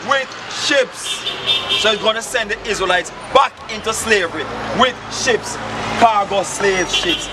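A man's voice: high-pitched, a little slow. A man in his thirties with a Jamaican accent, teaching on a city street at night. He leads a listener through verses, asks questions and repeats the answers, and the camera is a few feet away. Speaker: street preacher. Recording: loud street noise and crowd.

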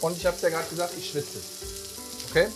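A man's voice: fairly high pitch, completely flat delivery, quick pace. A man in his forties, a chef hosting a cooking video, chatting and joking while asking many questions, recorded in a large indoor professional kitchen on a lapel mic. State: sweating from spicy food. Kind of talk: casual cooking chat. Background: background music and sizzling pan.

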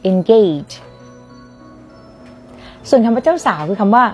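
A woman's voice: on the high side, animated, very fast, warm tone, faint music behind. Friendly Thai woman teaching English words. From Thailand. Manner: friendly, models words for the viewer to repeat. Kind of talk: lesson on vocabulary.

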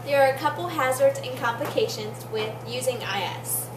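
A woman's voice: high voice, normal speed. A young woman giving a scripted instructional explanation. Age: young adult. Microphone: far camera microphone. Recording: distant mic, echoey room, clear noise.

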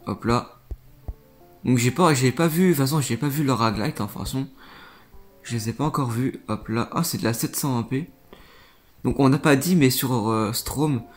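A young man with a mid-range voice rambles through casual reaction commentary on gaming clips, circling back to repeat his points. He talks loosely, leaning on fillers, with faint music playing behind him. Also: medium pitch. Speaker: gaming YouTuber reviewing viewer clips.

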